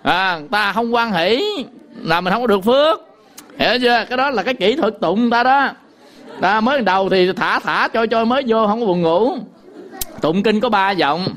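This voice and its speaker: A man teaching sutra chanting, explaining in quick casual talk and breaking into slow, drawn-out chanted demonstrations. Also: high-pitched, a bit bright. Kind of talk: chanting lesson with sung demonstrations.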